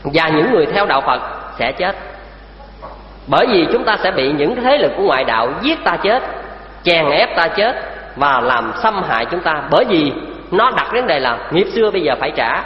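A man's voice: a little high, very animated, normal speed. A man preaching a Buddhist sermon, emphatic and full of rhetorical questions put to his listeners. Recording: echoey hall, dull lo-fi sound.

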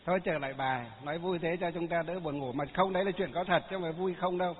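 A man's voice: a little high, fast talker, a little hiss or hum. A man, a Buddhist monk giving a folksy Dharma talk full of anecdotes and fillers. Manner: folksy, chatty storytelling with frequent fillers. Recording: tinny phone-like sound in a long-reverb hall.

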